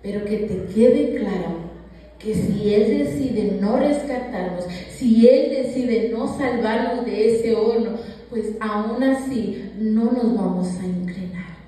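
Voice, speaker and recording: A woman's voice: medium pitch, slow pace, mellow. A woman preaching a sermon in a church, with strong emphasis, sometimes acting out quoted dialogue. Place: church sanctuary. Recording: echoey church hall, voice from a distance.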